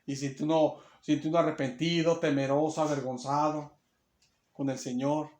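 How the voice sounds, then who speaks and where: A man's voice: fairly high pitch, little pitch movement, moderate pace, darkish tone. A man preaching a sermon, emphatic and given to restarts, recorded in a church hall. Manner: emphatic, acts out quotes, many restarts. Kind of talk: sermon Bible teaching. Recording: roomy echo.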